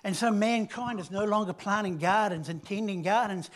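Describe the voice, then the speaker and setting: A man preaching a sermon, retelling a story and dropping from loud emphasis to hushed, low tones. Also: normal speed.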